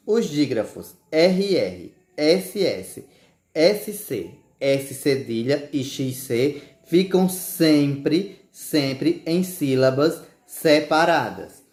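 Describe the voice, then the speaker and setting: A man teaching a recorded lesson at an unhurried pace, his voice pitched in an ordinary middle range. He spells words out letter by letter and keeps checking that the class is following. The room around him is echoey.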